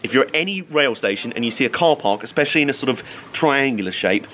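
A man's voice: medium pitch, animated, quick pace, a bit bright. A man hosting a casual travel vlog, chatty and upbeat, talking outdoors at a railway station in the rain. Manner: chatty, upbeat, laughs often. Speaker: vlog host. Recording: noisy outdoor recording.

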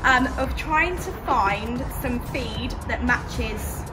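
A woman's voice: a little high, takes it slowly, rough recording. A young woman chatting casually and playfully as a vlog host, talking to a pony as she goes. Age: young adult. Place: large warehouse, partly outdoors. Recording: background music, busy warehouse noise.

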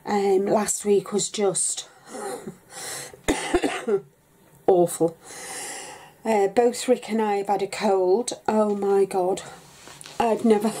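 A craft vlogger with a mellow, medium-pitched voice chats casually to the webcam on her desk in her home craft room. She's bunged up with a cold and coughing, rambling along with plenty of ums.

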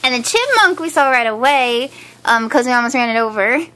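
A woman with a bright, clear voice pitched fairly high talks through a casual home haul vlog. She chats in an upbeat, giggly way, recorded on a handheld camera indoors with a faint hum of room noise behind her. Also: expressive, a little fast, rough recording. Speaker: vlogger. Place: living room floor, indoors. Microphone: handheld camera filming from above.

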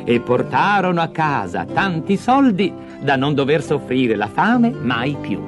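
A man reading a fairy tale aloud in a lively, expressive way. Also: a little high, measured pace, over loud music. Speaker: storyteller.

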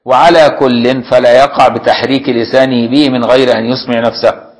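A man with an Egyptian accent teaching Islamic jurisprudence in a religious lesson. He reads a classical text, then explains it in everyday speech and keeps asking his students whether it is clear. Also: medium pitch, steady tone, a little fast, low-quality recording. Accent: Egyptian Arabic. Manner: explains plainly, often asks listeners if it is clear.

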